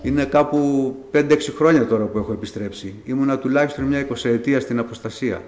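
A man's voice: mid-range voice, a little mellow, slight background noise. A middle-aged man telling his personal faith testimony to a congregation in a conversational, storytelling way, acting out the dialogue he recalls. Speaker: church member giving testimony. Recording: echoey room.

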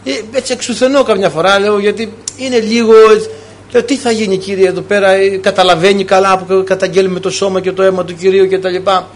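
A man's voice: high voice, steady tone. A man preaching a sermon to his congregation, piling up rhetorical questions and acting out short exchanges in shifting voices. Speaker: priest.

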